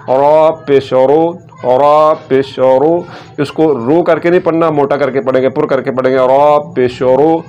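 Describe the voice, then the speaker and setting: A man's voice: on the high side, a little mellow, highs cut off. Patient man teaching letter sounds. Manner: patient, repeats sounds slowly and contrasts right and wrong. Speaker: Quran reading teacher. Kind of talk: slow step-by-step lesson.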